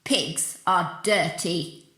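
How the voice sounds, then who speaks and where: Woman as a grumpy storybook ox, slow, stern, slightly low, roomy room. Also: fairly bright tone. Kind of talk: storybook reading. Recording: roomy room with faint music.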